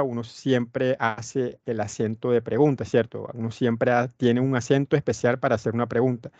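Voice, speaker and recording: A man's voice: mid-range voice, no room sound, highs cut off. A man teaching English in an online class, explaining grammar step by step and repeating his points. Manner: explains slowly, repeating points with many "etcétera". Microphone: computer mic on a video call.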